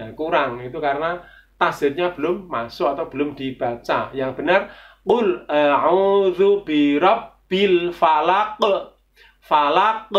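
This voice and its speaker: Male Quran teacher. Fairly high voice, unhurried, every sound exaggeratedly articulated. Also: distant mic. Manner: over-enunciating, pronouncing syllable by syllable. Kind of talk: instructional lesson with slow Quran recitation. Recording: dull, lo-fi sound.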